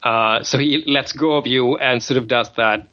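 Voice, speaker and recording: A man's voice: medium pitch, steady tone, normal speed, bright, forceful tone, dull audio. A man narrating as game master of a tabletop role-playing game, describing scenes with frequent restarts and fillers.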